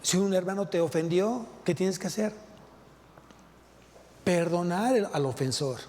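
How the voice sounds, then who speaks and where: Mexican pastor preaching, high-ish voice but mellow, lots of questions and repeats, big echoey church. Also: male voice, animated, unhurried, a little hiss or hum. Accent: Mexican Spanish. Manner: rhetorical questions, repeats key phrases. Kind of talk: sermon. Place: large church hall. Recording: long hall reverb.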